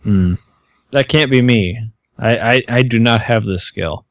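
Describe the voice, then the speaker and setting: A man's voice: medium pitch, measured pace, no room sound, studio quality. A man playing a tabletop game, easygoing and agreeable with the group. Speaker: player.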